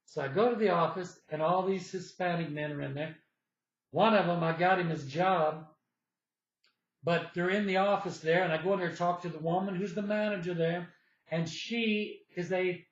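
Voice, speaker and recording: A man in his sixties from the United States, telling a personal story in a rambling way and acting out what people said. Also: high-pitched. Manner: rambling, repeats himself, acts out dialogue in the retelling. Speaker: vlogger. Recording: echoey, slightly dull room sound.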